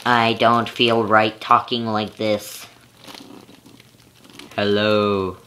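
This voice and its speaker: Speaking very slowly in a fairly low, level voice, a teenage boy vlogs to a webcam held at arm's length in his small bedroom. He's chatty and self-amused, rambling casually and thinking aloud, and the home recording is noisy.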